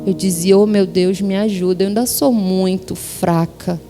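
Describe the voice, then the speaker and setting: A Brazilian woman giving a sermon testimony, telling her story with lively acted-out dialogue. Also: mid-range voice, a little slow. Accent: Brazilian Portuguese. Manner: animated storytelling, acting out dialogue. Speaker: pastor's wife preaching. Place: church hall with worship music behind. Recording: long hall reverb, music underneath.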